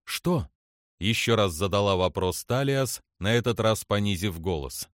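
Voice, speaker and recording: A man narrating a novel in a measured storytelling delivery. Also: on the low side, no echo, studio quality. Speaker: audiobook reader. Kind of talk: scripted narration.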